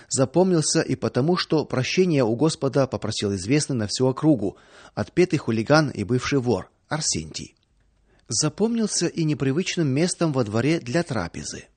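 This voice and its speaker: Guy reading an audiobook, husky voice, dry close mic, faint music under it. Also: mid-range voice, dry recording. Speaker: narrator. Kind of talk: scripted audiobook narration.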